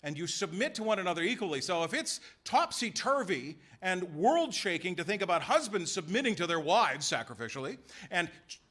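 A man preaching in a church sanctuary, pressing his points with rhetorical questions and quick voiced asides. His voice is bright and sits fairly high, and it swings widely in pitch as he moves from hushed lines to ringing ones. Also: big pitch swings. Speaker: pastor. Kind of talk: sermon.

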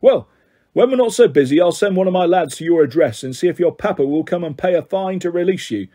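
A man voicing a gruff, bullying middle-aged male desk sergeant who talks sternly and loudly. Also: high-pitched, expressive, fast talker. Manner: pompous, stern, loud.

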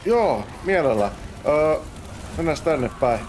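This let's play host, a young man from Finland, has a fairly high, sing-song voice with a darkish tone, and a little hiss or hum runs through the audio. He comments casually on his gameplay, muttering to himself and erupting with exclamations in fights.

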